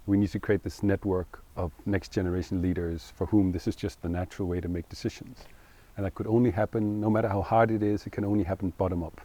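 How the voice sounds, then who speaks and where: A middle-aged man, speaking in English, talking earnestly and thoughtfully in an interview and pausing to find his words. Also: low voice, dark tone. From Denmark. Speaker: co-founder interviewee. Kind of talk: reflective interview talk.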